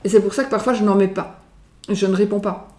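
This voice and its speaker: A woman's voice: mid-range voice, fairly even intonation, a little fast, a little mellow. Woman, casual vlog chat, rambling with fillers, home kitchen, roomy echo, distant mic. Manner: rambling, chatty, repeats herself and uses many fillers. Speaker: psychic vlogger presenting her oracle cards.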